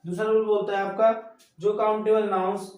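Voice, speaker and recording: A man's voice: sits high, little pitch movement, normal speed, a little mellow. A male tutor with a Hindi accent explaining a grammar lesson step by step and checking that his students follow. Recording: echoey room from far off.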